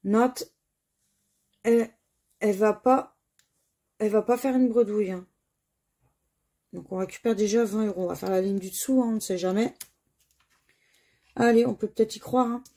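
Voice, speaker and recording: A woman from France talks her viewers through scratch cards in a slow, unhurried way, reading letters aloud one at a time. Her voice is gravelly and husky, with a dark, mellow tone. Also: medium pitch. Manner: slow, spells letters aloud, sighs over losses. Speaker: scratch-card vlogger. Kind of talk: casual commentary while scratching tickets.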